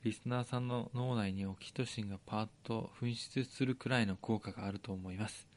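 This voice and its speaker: A man's voice: on the low side, steady tone, fairly quick, darkish tone, slight background noise. Man reading listener mail in a Tochigi accent. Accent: Tochigi dialect. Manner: reads letters aloud politely, then jokes around. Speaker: podcast co-host.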